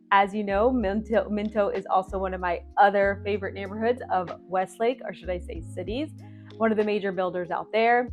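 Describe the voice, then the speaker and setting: A woman's voice: mid-range voice, a little mellow. A woman from Florida giving a chatty, casual walkthrough of neighborhoods as a real estate vlogger, with informal asides.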